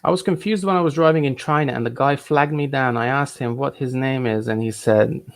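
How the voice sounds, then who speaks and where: A man's voice: medium pitch, fairly quick, gravelly. A man born in Hungary and raised in England, hosting a casual live stream and chatting in a rambling way with lots of restarts and asides. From Hungary, raised in England from thirteen. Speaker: livestream host answering viewer questions.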